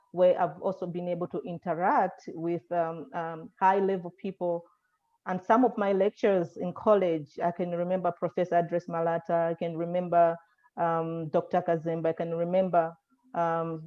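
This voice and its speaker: A woman from Malawi, an advocacy manager, answering thoughtfully on a panel with many pauses and fillers. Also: on the low side. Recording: dull video call audio.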